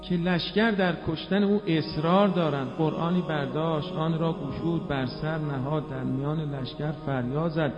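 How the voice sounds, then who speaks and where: High-voiced man chanting a mourning sermon. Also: fairly even intonation, hardly any pauses. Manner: moves between spoken telling and melodic chanting of Arabic quotes. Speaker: religious mourning preacher. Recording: reverberant hall, dull lo-fi sound, faint music.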